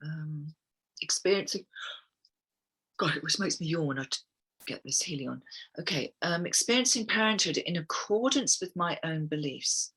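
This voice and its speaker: A woman with a bright, sharp edge and a husky, breathy grain reads chakra statements on a group wellness call. She is soft-spoken and musing, and she drops in a quiet "okay" between readings as she guides listeners through affirmations. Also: low-pitched, moderate pace, low-quality recording. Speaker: wellness guest speaker.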